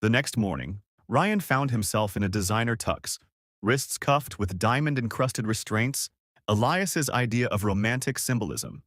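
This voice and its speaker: A man narrating a romance story in an expressive, lively storybook style. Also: fairly low pitch, unhurried, no room sound, studio quality.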